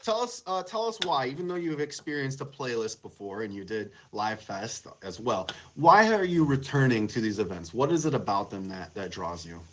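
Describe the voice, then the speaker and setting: Conversational male host, mid-pitched voice. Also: big pitch swings, moderate pace, hardly any pauses, a bit bright, slight background noise, poor audio. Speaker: show host, interviewer. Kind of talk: casual live show interview.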